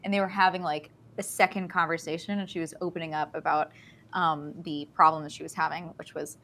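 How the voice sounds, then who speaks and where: A woman's voice: sits low, steady tone, a little fast, a bit bright. A woman streamer chatting casually and telling a story, with lots of filler words and restarts.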